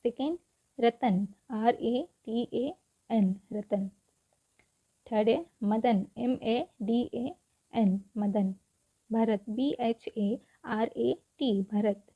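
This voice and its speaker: A woman with a fairly high voice teaches spelling, spelling each word out letter by letter and then saying it again. She keeps asking the viewer short rhetorical questions. The recording sounds dull and lo-fi. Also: extremely slow, husky. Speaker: English teacher. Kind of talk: spelling lesson, Hindi explanation.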